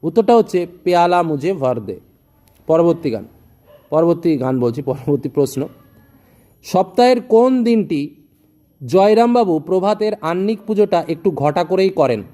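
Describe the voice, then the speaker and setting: A man's voice: a little high, animated, moderate pace, warm tone. A male tutor reading exam questions with their options and then giving the answers, speaking directly to students. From West Bengal, India.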